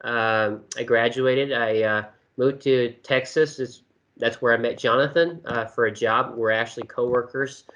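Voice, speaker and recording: Male guest from China, mid-pitched, halting and loose delivery, easygoing explainer. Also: fairly even intonation, a bit bright. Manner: hesitant, many fillers and restarts. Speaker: interview guest. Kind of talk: casual explanatory interview talk.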